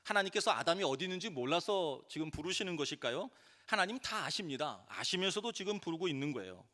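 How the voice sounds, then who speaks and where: A middle-aged man, a pastor, preaching a sermon in an animated way and acting out the voices he quotes. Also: on the high side, fast. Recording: reverberant church sanctuary.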